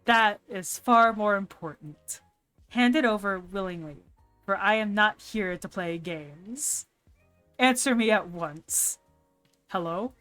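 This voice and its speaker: A woman's voice: medium pitch, slow pace, fairly bright tone, no room sound. Grim reaper spirit voiced by a woman, grandiose, commanding, flusters easily, faint music behind. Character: pompous grim reaper demanding a soul.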